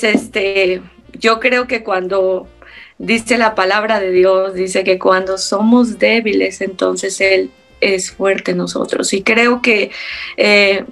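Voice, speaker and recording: A woman pastor giving a slow, earnest testimony in an interview, often pausing with fillers. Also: medium pitch, a bit bright.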